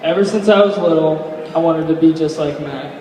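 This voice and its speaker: Young male best man, higher voice, rambling heartfelt speech with hesitant delivery, recorded from afar in a reverberant hall. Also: brisk, background noise. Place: large reverberant indoor reception room. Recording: echoey hall, distant microphone.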